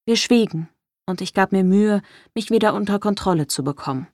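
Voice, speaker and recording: A woman reading a first-person audiobook in a measured storytelling manner. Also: medium pitch, darkish tone, dry recording, clean studio sound. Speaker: audiobook narrator.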